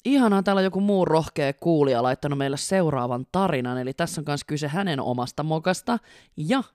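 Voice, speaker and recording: A woman co-hosting a casual podcast as a flight attendant, excitable, laughing and swearing casually, reading listener stories aloud. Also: low voice, dry recording, clean studio sound.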